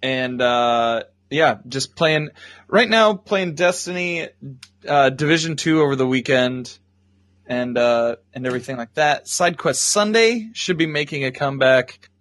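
A man's voice: medium pitch, animated, a little slow, a bit bright, no room sound. A man guesting on a podcast, talking in an easygoing, joking way. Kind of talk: casual chat.

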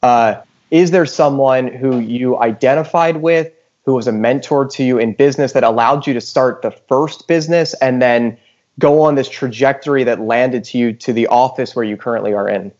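A man's voice: mid-range voice, normal speed, a little mellow, highs cut off. A man hosting a podcast, asking long, searching questions in casual talk. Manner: rambling, searching for words. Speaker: podcast host.

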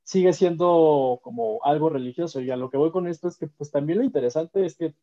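A man talks through political ideas on a casual podcast, pausing often with fillers as he thinks. His voice is dark and mellow. The audio sounds a little dull and lo-fi. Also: a little high. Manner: thoughtful, hesitant, many fillers. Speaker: podcast co-host.

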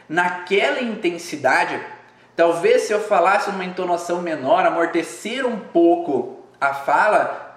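A man talks through a live stream in a reflective, explanatory way. He repeats phrases and poses rhetorical questions, and his voice sits a little higher than most men's. The sound carries a roomy echo. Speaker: host of a live video channel.

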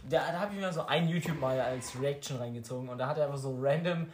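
A man's voice: mid-range voice, fast talker. A young man chatting casually with friends as a podcast co-host, slangy and mixing in English words. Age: young adult. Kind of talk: casual chat among friends. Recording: roomy echo, faint noise.

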